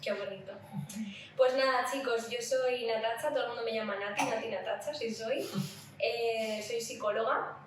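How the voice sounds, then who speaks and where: A woman with a Spanish accent from Spain chats playfully and casually as a podcast co-host. Her voice is fairly high and her speed normal. Recorded in a room at home, the sound is very echoey, with a distant mic and faint noise.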